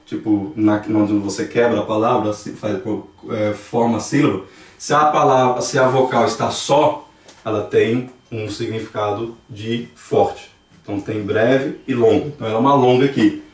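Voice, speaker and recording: Teaching a language class in a church classroom, this Brazilian Portuguese-accented man speaks at medium pitch and a moderate pace. He explains patiently and says examples aloud more than once. The recording is echoey, picked up by a far-off microphone.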